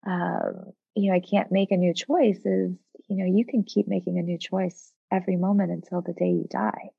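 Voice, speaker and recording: Low gravelly woman, reflective and earnest. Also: steady tone, normal speed, no echo, muffled recording. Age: 40s. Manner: reflective, earnest, many fillers. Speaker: guest, coach and former psychologist. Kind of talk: casual podcast conversation.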